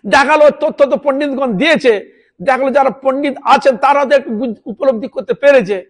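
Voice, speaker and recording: Male monk preacher with a very high voice, delivering a devotional sermon and checking in with listeners through rhetorical questions. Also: quick pace. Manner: drops into a lower, softer voice at the ends of points; chants words over and over as a demonstration.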